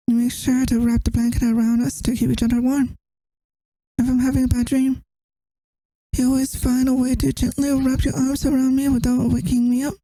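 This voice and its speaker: A woman's voice: sits high, rough recording. A woman playing a tired, affectionate girlfriend who misses her partner, in a tender, intimate ASMR role-play. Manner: tender, intimate, soft-spoken.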